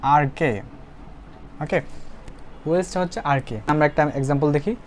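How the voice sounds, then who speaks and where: A man teaching spoken English, saying example phrases slowly and word by word for the learner to repeat. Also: fairly high pitch, a little hiss or hum.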